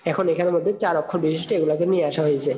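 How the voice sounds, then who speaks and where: A man teaching a Quran recitation lesson, spelling out words syllable by syllable in slow drills, recorded with dull, lo-fi sound and a long reverb. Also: on the high side, fairly even intonation, a little mellow, slight background noise.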